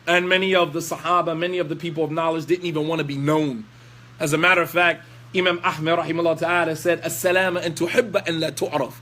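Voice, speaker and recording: A man's voice: fairly high pitch, steady tone, fast talker, bright, forceful tone. A man preaching in a lecture, scolding with rhetorical questions and telling a story, mixing in recited Arabic phrases.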